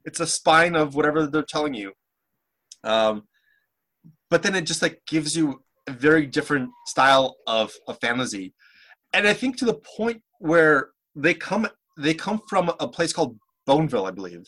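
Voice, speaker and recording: A man's voice: a little high, very animated, normal speed, sharp tone. A man in casual podcast chat, talking hesitantly with many restarts.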